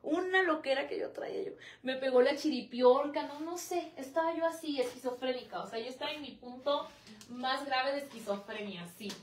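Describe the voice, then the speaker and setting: A woman's voice: high voice, moderate pace. A young Mexican woman chatting on a livestream in a dramatic, talkative way, reading viewers' comments aloud. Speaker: livestream host. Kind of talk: casual livestream chat.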